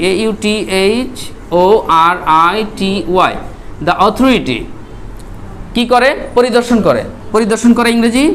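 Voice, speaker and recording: Classroom teacher, mid-pitched, drills and spells vocabulary, faint room hum. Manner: spells words out letter by letter and quizzes students.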